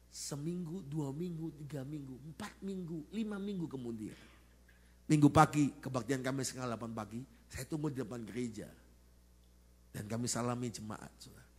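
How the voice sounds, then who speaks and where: A man, a pastor, preaching a sermon at a church service and telling stories to the congregation in an animated way, with sudden loud rises at the high points. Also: normal speed, breathy edge. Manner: animated storytelling, addressing the congregation.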